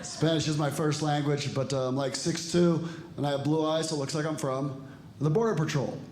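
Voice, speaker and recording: Fairly quick and a little high, with a steady, slightly mellow tone, this forties-aged comic with roots in Ecuador and El Salvador works a club crowd, poking fun at himself in a dry way and voicing bits of dialogue. Audience noise fills the echoey space.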